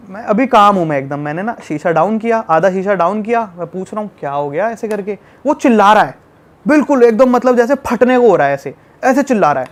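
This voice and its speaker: A young man from Delhi, a podcast guest, shares a story in a casual chat at a fairly quick pace. For a man his voice sits high, and he speaks emphatically and with animation, repeating words for effect.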